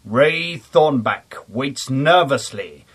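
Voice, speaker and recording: A man narrating a comedy audio drama with a brisk announcer delivery. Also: medium pitch, animated, fairly bright tone, breathy edge, heavily acted. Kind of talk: comedy radio-play narration.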